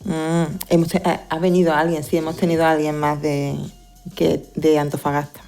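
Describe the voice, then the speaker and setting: A woman with a low, mellow voice hosts a science podcast. She asks her guest questions in a chatty way. Soft music runs faintly behind her. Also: little pitch movement, moderate pace. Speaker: podcast host. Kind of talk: podcast interview.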